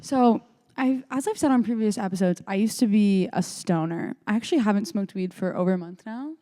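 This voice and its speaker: A young woman co-hosts a casual podcast. Her voice is warm and mellow at a middle pitch, and she talks loosely, with many fillers. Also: brisk, long reverb tail. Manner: relaxed, filler-heavy, says "like" constantly. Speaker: podcast co-host. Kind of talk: casual chat.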